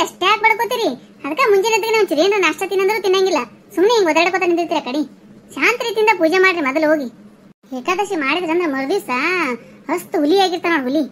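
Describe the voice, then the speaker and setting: A grumbling old village housewife, voiced by a woman, rattles off gossip and scolding at a racing clip in a high, thin voice. She has a North Karnataka Kannada accent and a tongue quick to fire back. Faint room ambience hums behind her in this cartoon. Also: a bit bright, slight background noise. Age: older. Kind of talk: comic cartoon voice acting.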